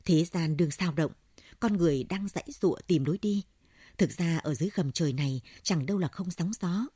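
A woman reading the part of an elderly male Buddhist monk who speaks in a measured, contemplative way. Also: fairly low pitch, warm tone, husky, dry recording, studio quality.

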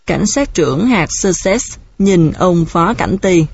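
A woman narrating an audiobook in a steady, measured storytelling manner. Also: fairly low pitch, slightly rough, no echo. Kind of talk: audiobook reading. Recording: dull, dry recording.

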